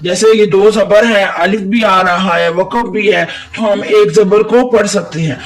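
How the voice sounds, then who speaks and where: A man's voice: high voice, steady tone, a little slow, distant mic, low-quality recording. A man teaching Quran recitation with a Pakistani Urdu accent, patiently explaining letters and drawing out recited syllables. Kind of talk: tajweed lesson, spelling out letters.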